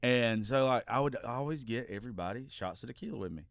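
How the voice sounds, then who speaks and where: A man's voice: mid-range voice, lively intonation, fast, creaky, no echo, studio quality. A man telling crude, profane stories in casual podcast chat, laughing often. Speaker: podcast host or regular.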